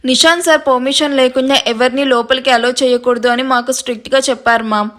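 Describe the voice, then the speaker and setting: A woman voices a junior doctor in an audio story, courteous yet unbending about the rules. The voice is high and steady. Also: fast talker. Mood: firm. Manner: polite, firm. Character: junior doctor, polite but firm.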